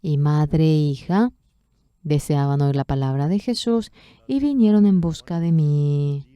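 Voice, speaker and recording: Female sermon interpreter, low mellow voice, unhurried, measured storytelling. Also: clear, resonant tone, dry recording.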